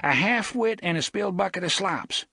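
A man voicing a fat, hungover small-town sheriff who talks in a folksy rustic dialect and scolds loudly. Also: high voice, animated, normal speed, vocal fry, breathy edge, no echo, studio quality, voice pushed up, heavily acted. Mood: scolding.

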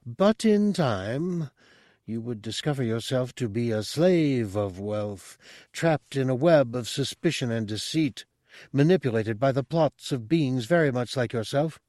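A telepathic spider-bodied monk speaks in a voice pitched well above the reader's own, soft and measured, coaxing a listener toward his offer, as a man puts him on. He is a non-human figure in an audiobook, calm and persuasive. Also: dry recording, clean studio sound, lightly acted.

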